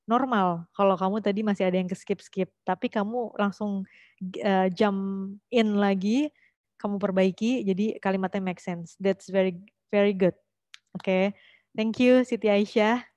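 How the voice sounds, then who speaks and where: A woman's voice: medium pitch, fairly even intonation, unhurried, darkish tone, dry recording. Chatty woman teaching public speaking, dry sound. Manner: chatty, mixes in English phrases. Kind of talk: online workshop lesson.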